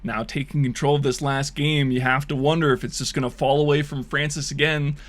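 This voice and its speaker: Pitched on the high side, this man talks briskly in a level tone. He's on stream calling bot matches like an overexcited esports caster, laughing at his own crude jokes while his voice gives out.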